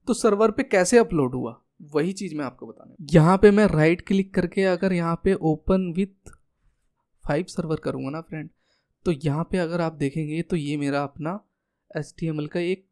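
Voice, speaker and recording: Indian guy tutoring over a screen share, kinda high voice, keeps asking himself questions then answering. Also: a little mellow. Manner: asks himself questions and answers them, calls listeners friend. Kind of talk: screen-share exam lesson.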